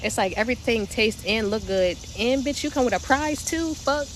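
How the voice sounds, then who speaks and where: A woman's voice: a little high, normal speed, low-quality recording. Slangy, profane young woman on a livestream. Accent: Delaware with a slight New York twang. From Delaware, US. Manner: slangy, profane, laughs often. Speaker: spiritual livestream host. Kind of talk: casual livestream chat. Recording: steady background noise.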